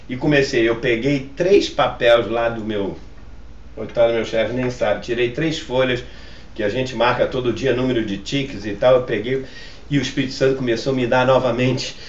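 A man with a Brazilian Portuguese accent, a pastor teaching his church and telling personal stories, swinging from loud exclamations to hushed narration. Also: mid-range voice, muffled recording, slight background noise. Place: church hall. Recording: roomy hall echo, mic at a distance.

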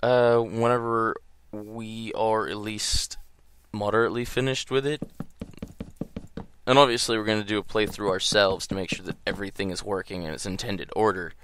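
A man's voice: on the low side, fairly even intonation, moderate pace, a bit bright, smooth. A man giving casual gameplay commentary in a groggy early-morning voice, rambling and hesitant. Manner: rambling, hesitant, full of ums and trailing thoughts.

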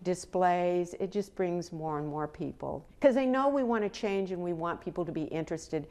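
Her voice is on the low side and a bit mellow, moving at a moderate pace. She's an older American museum representative giving an informal interview, miked with a lapel mic indoors in a big old brick livery stable.

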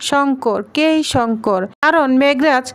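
A woman's voice: high-pitched, a little slow. A woman reading the lines of a guarded, worried young man in a serial recap.

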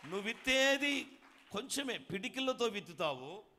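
A man with a Telangana Telugu accent preaching a sermon as pastor, calling out to the congregation for responses and swinging between quiet storytelling and loud shouted praise. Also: extremely high pitch, very animated, normal speed, a faint crowd.

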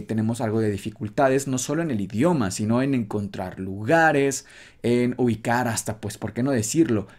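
A man's voice: mid-range voice, a little mellow. A man teaching a beginner language lesson, patiently repeating phrases for the listener to copy. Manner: patient, slow and repetitive, drills phrases.

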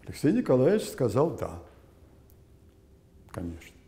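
Sitting in a plain, reverberant room on camera, an elderly man in his eighties recalls his years as an interpreter, his medium-pitched, dark voice making huge pitch swings. He speaks deliberately and haltingly, stressing words emphatically. His lapel mic gives muffled audio with a long room reverb.

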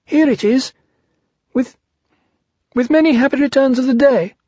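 A man voicing a tiny, anxious young male piglet in a storybook reading, with a high, fluttery, stammering voice. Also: moderate pace, warm tone, slightly rough, dry recording. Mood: timid. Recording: dry, slightly dull recording.

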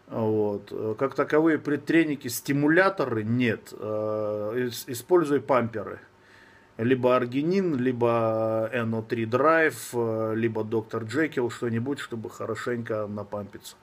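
This is a fitness coach in his thirties chatting bluntly and casually with live-stream viewers, his mid-range voice moving a little slowly. His braces make the s sound slushy and lisped, and a phone at arm's length picks him up.

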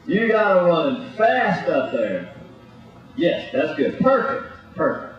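A man's voice: on the high side, sing-song, slow pace, faint music behind. A man coaching in a comic gymnastics act, bossy and exasperated, scolding a clumsy student in front of an audience. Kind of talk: comic coaching patter over a live act. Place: large indoor gymnasium with audience. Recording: echoey distant muffled gym recording.

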